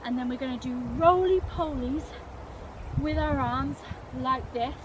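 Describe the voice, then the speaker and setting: A high-voiced woman leads a children's dance lesson. She talks slowly and breaks each move into steps. Her encouragement comes over a loud bed of background noise. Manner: encouraging, step-by-step instruction. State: out of breath at times. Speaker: dance teacher.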